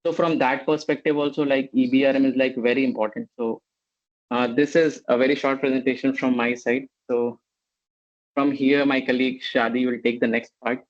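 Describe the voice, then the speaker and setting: A man presenting field work in a webinar, quick and loose with fillers. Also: medium pitch, little pitch movement, muffled recording. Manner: fast, many fillers like "I mean". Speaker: project presenter.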